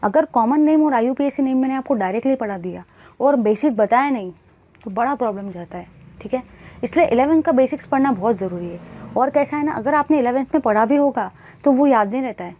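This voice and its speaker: A woman's voice: sits high, lively intonation, fast talker, dark tone. A woman teaching a chemistry class, asking questions and answering them herself, calling the students bhai and guys.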